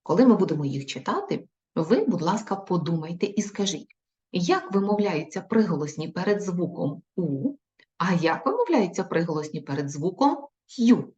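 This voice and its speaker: A woman teacher leads young children through a recorded lesson, speaking slowly and carefully. Her voice sits a little low. The sound is roomy and echoey, with a dull, lo-fi quality. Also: lively intonation, a little mellow. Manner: slow, careful dictation with repeated words. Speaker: primary school teacher.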